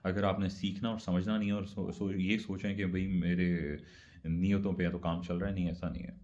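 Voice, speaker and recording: Low, mellow-voiced man explaining. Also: flat delivery, lo-fi sound. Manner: conversational, repeats points, mixes English words. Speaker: speaker explaining religious practice. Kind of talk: casual religious explainer talk.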